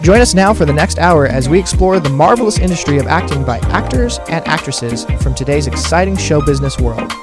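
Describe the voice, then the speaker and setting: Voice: medium pitch, animated. Showy announcer intro over music. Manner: showy, drawn-out announcer build-up. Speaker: show announcer. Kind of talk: scripted show intro. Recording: show intro with music bed.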